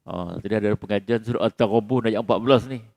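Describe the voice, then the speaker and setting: A man with a Malaysian Malay accent giving a dawn lecture in a mosque, animated, acting out quarrels and often saying "ha" and "ya?". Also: on the low side, fast, vocal fry, no echo. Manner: animated, acts out quarrels, peppers talk with "ha" and "ya?". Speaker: preacher.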